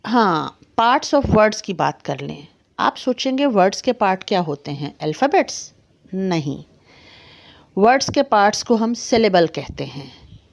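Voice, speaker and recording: A woman teacher speaks at an unhurried pace, her voice neither high nor low. She patiently explains grammar in an online lesson, breaking words into sounds and often checking that her listeners understand. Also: sing-song, creaky. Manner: slow, patient explaining, spelling words out letter by letter.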